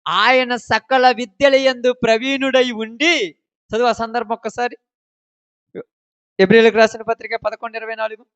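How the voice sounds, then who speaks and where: A male pastor preaching a sermon. He fires rhetorical questions at his listeners and swings from loud declarations to low asides. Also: level tone, normal speed, pauses often, clean tone, no echo. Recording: dull, dry lo-fi recording.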